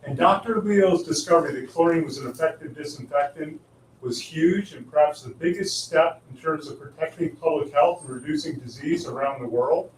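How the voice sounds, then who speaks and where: City water official, man, fairly high voice, earnest and factual, recorded from afar in an echoey room. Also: normal speed, a little hiss or hum. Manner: earnest, factual, explains history and figures. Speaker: city water supply official answering questions. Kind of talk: explanatory meeting remarks. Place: county board meeting room. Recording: echoey room, distant mic.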